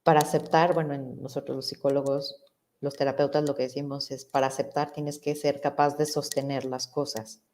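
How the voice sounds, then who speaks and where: A woman's voice: rumbling low, flat delivery, normal speed, darkish tone. A middle-aged woman psychologist, explaining ideas in a reflective way and asking rhetorical questions. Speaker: psychologist guest. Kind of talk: conversational explanation.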